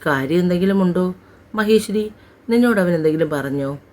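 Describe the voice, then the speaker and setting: A fussing older grandmother frets over her family in a storybook drama, urgent and scolding, voiced by a woman narrator. Her tone is mellow and warm. It stays close to the reader's own voice. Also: on the low side, expressive, brisk, natural voice. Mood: worried.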